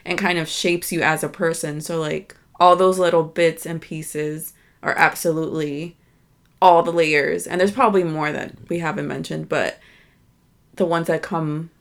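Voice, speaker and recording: Low, gravelly American woman. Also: fairly even intonation, moderate pace. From United States. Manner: thoughtful, agreeable, filler-heavy. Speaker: podcast co-host. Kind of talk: casual chat.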